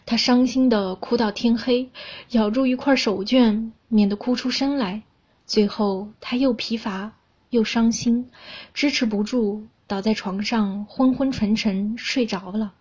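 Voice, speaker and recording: A young woman from China reading a story aloud in a calm, even storyteller's manner. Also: fairly high pitch, unhurried, husky, highs cut off. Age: young adult.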